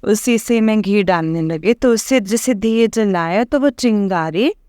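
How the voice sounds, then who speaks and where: A woman gives a meandering personal testimony to a congregation, speaking slowly and hesitating with fillers while frequently addressing the gathered listeners. The recording is close, dry and echo-free, and her medium-pitched voice sounds smooth, clean and a little mellow.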